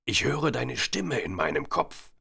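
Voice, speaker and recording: A man's voice: mid-range voice, sing-song, creaky, sharp tone, husky, pitched above the performer's own voice, exaggerated voice. A man putting on a menacing, muttering old man. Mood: conspiratorial. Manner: slow, intense, conspiratorial.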